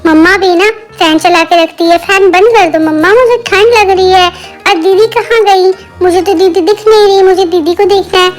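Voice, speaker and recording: A woman's voice: very high voice, steady tone, moderate pace, soft background music, voice pushed up. A woman doing a voice-over as a chatty toddler boy who pleads and complains in a childlike singsong. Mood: pleading. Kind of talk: voice-over for a baby.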